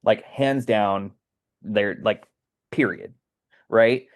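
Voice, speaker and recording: Earnest male podcast host, low voice. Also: extremely slow. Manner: earnest, keeps checking with "right?". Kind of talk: casual discussion.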